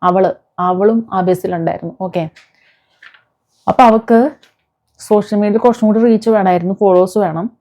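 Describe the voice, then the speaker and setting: A female video commentator with a Kerala Malayalam accent scolds viewers in informal, indignant commentary full of rhetorical questions. Her medium-pitched, warm voice moves a little fast with fairly even intonation and frequent pauses. The lo-fi audio sounds dull and muffled.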